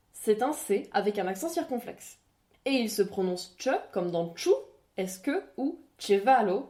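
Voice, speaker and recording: A woman with a mid-range, darkish voice presents a language lesson as scripted narration. She is clear and didactic, saying the examples slowly.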